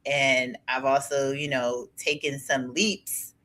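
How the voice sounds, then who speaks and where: A woman talking in a casual live chat, animated and quick to laugh, acting out her own past thoughts as she speaks. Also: extremely low pitch, poor audio. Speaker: co-host in a live conversation.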